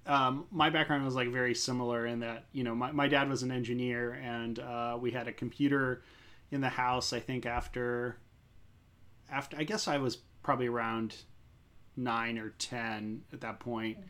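A man's voice: mid-range voice, fairly even intonation, normal speed, fairly bright tone. A middle-aged man hosting a casual podcast chat, hesitant, with lots of "uh" and restarts. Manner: hesitant, many fillers and restarts. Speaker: podcast host.

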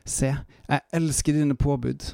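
A man reading psalm verses aloud in a calm, measured way, stopping now and then for short devotional reflections. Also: mid-range voice, gravelly, smooth, no echo, clean studio sound. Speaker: Bible reader and preacher. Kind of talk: Bible reading with devotional commentary.

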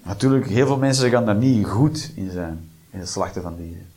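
A man doing a stand-up comedy routine, mixing deadpan dark jokes with sudden shrieked voices. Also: on the low side, moderate pace.

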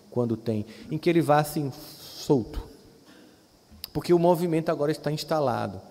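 Brazilian guy lecturing live, animated and jokey, kinda high but mellow voice, big echoey hall. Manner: animated, jokey, talks straight to the audience with questions. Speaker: speaker giving a spiritual self-help lecture. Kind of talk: lively public lecture. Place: large hall.

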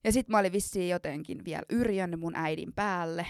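A young woman chats casually, spinning a funny story with filler words and bursts of laughter. Her voice carries a gravelly fry, recorded close and dry. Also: on the low side, no echo. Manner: laughs while telling embarrassing stories, many fillers.

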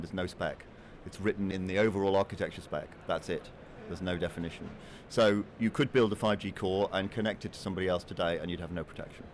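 Fast-talking man with a deep voice. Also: slight background noise. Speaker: industry expert, interview guest. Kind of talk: technical interview talk.

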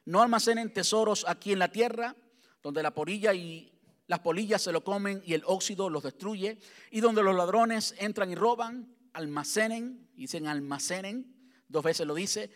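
A Cuban pastor with a Cuban Spanish accent and a high voice preaches a sermon. He drives his points home through rhetorical questions and repetition.

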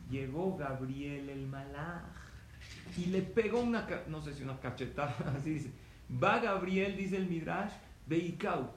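Man preaching a story lesson in an echoey room. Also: on the high side. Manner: asks the audience questions, acts out quotes. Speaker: rabbi teaching a lesson. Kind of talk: sermon-style storytelling lesson. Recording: echoey room with faint ambient noise.

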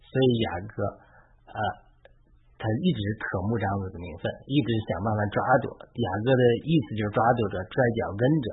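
A man's voice: lowish voice, fast talker, slightly rough. A man preacher retelling a scripture story as a sermon. He speaks informally and acts out the quotes. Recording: tinny phone-like sound, faint hiss.

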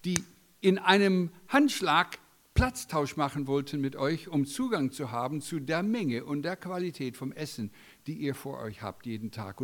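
A man preaching a sermon in an emphatic way, his voice swinging from loud high peaks down to quiet low endings.

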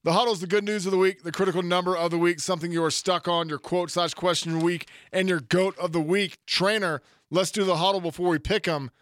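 A man hosting a casual sports podcast, rambling through animated stories. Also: high voice, quick pace, few pauses, no echo. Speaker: podcast host.

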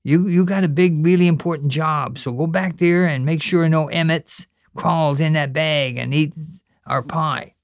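Close to an everyday speaking voice, the narrator keeps a steady tone and measured pace, recorded dry at studio quality. This is a read-aloud of fiction in which the speaker voices an earnest boy praying, pleading, asking questions and giving orders to his small brother. The voice sounds high, childlike and beseeching.

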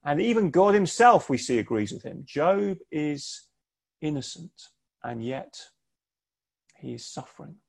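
Male preacher, fairly high voice, measured and conversational, pauses to let lines land. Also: very animated, creaky, breathy edge. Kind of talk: sermon. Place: home, preaching online.

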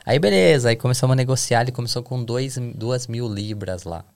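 A man guesting on a podcast, telling a travel story in relaxed, slangy casual chat. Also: mid-range voice, fairly quick, gravelly.

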